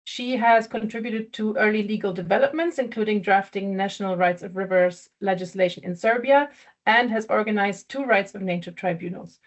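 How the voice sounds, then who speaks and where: A woman's voice: medium pitch, moderate pace, poor audio. A woman moderating a webinar, polite and full of ums as she introduces the next speaker. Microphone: video call.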